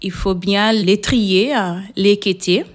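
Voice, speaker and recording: Hesitant woman with a Portuguese accent. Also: mid-range voice. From São Tomé and Príncipe. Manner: hesitant, many pauses and fillers. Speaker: guest cook. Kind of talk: radio interview.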